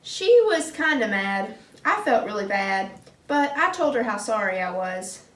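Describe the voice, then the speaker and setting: A woman with a medium-pitched, fairly bright voice and big pitch swings plays a clumsy, earnest little girl puppet in a kids' class skit at a church. The puppet sounds sorry, speaking slowly, earnestly and like a child. It's recorded from far away in an echoey, roomy church classroom.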